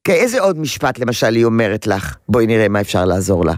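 Male radio parenting advisor: animated, pitch swings widely, acts out what people say, dry close studio sound. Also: no room sound. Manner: animated, acts out quotes, repeats words for emphasis. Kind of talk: advice to a caller.

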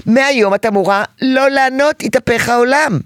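A middle-aged woman coaching a parent, animated and acting out little scenes between parent and child to make her points. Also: high-pitched, dry recording, clean studio sound. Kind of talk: advice talk to a parent.

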